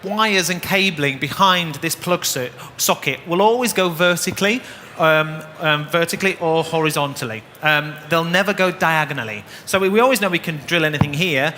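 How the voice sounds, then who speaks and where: A man with a Northern English accent talks casually through a live DIY demo, often stopping to restart his sentences. His voice sits high and bright, and the sound carries with a long echo around a big hall, with faint noise behind. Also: moderate pace, hardly any pauses. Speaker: DIY presenter. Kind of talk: live demonstration talk. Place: exhibition hall stage.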